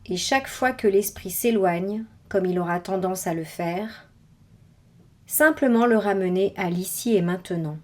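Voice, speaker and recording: As a meditation guide, a woman leads a body scan, giving scripted instructions in a measured way and pausing between phrases. Her voice is medium in pitch with a darkish tone.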